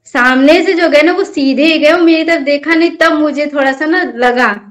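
High-voiced young woman telling a devotional story. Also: normal speed. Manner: earnest, storytelling, addresses host as bhaiya. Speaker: guest devotee telling her experience. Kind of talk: personal testimony in conversation.

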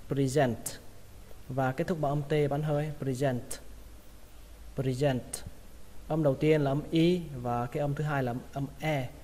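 A man with a Vietnamese accent gives a pronunciation lesson, drilling each English word over and over at an unhurried pace. His voice sits a little high for a man, and a long reverb trails after it. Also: fairly even intonation, dark tone. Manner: repeats each word slowly several times. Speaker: English vocabulary teacher.

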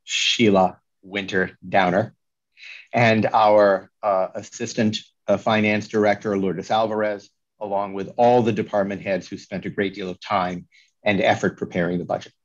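A man's voice: lowish voice, flat delivery, normal speed. Boston-accented man, dull call audio. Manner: polite and formal, self-correcting. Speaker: executive director. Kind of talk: formal thanks at a council meeting.

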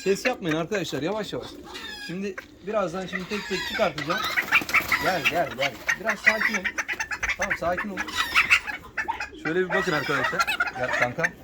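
A man vlogging as a poultry hobbyist, chatting to viewers and softly coaxing his birds to come and calm down. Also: sits high, brisk, pauses often. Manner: coaxes birds with soft repeated calls; lively, chatty, addresses viewers directly. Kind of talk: casual vlog, unboxing birds for viewers. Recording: loud background noise with clucking chickens.

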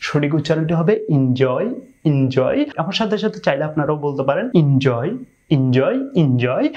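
A Bangladeshi man teaching English pronunciation in a video lesson, speaking slowly with frequent pauses and repeating each word for drilling. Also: on the high side, darkish tone.

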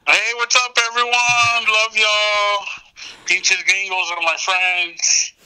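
Casual slangy guy on a speakerphone call, slightly raised pitch, smooth tone. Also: level tone, takes it slowly, pushed and bright, low-quality recording. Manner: laid-back and slangy, says "bro" a lot. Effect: heard over a phone speakerphone. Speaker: phone caller. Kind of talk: casual phone chat.

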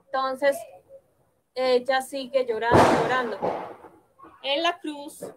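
A woman telling a fairy tale on stage, halting and correcting herself as she goes. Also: high-pitched, fairly even intonation, background noise. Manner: halting, with frequent self-corrections. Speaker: storyteller.

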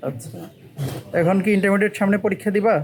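A fast-talking man with a high, steady voice and a Bangladeshi Bengali accent hosts his channel's interview in a village. He asks probing, informal questions while a crowd murmurs in the background.

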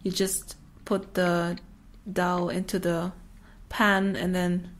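Slow, easygoing woman who laughs a lot. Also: fairly low pitch, flat delivery. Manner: slow, chatty, laughs often mid-sentence. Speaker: podcast host. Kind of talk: casual chat.

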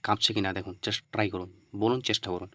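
A man teaching Arabic letter pronunciation step by step. He often asks and answers his own questions and repeats the letter sounds loudly. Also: fairly low pitch, fairly even intonation, very fast, dry recording, studio quality.

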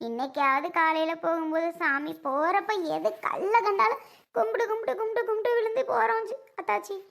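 Lady doing a crying young wife, high wailing voice. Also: moderate pace, pushed and bright, heavily acted. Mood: sobbing. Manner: sobbing, tearful, wailing lament. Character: heartbroken young wife, weeping and pleading.

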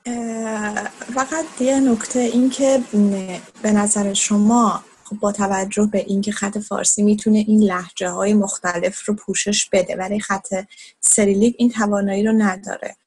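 A woman's voice: medium pitch, steady tone, darkish tone, a little hiss or hum. A woman interviewer asking hesitant questions with fillers.

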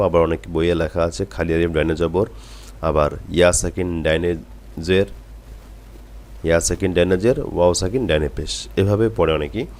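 A deep-voiced man teaches a reading lesson. He is patient and repetitive, sounding out each syllable slowly and going over it again. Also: darkish tone. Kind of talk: step-by-step recitation lesson.

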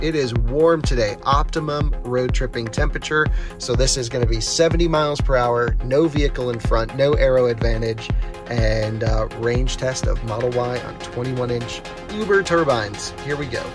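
A man in his thirties hosting a casual car review, talking upbeat and explaining from inside a car. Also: mid-range voice. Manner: upbeat, explanatory, laughs often. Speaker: host.

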